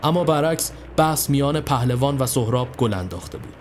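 A man narrating a scripted horror story in a measured, even storytelling voice. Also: medium pitch, a little hiss or hum.

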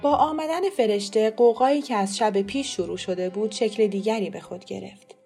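A woman narrating an audiobook in a steady, measured way. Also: medium pitch, vocal fry, faint music behind. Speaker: storyteller.

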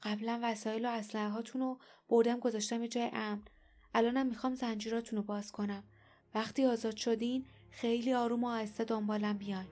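A woman voicing an unseen rescuer who speaks hushed and out of breath. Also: a little high, little pitch movement, lightly acted. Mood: urgent.

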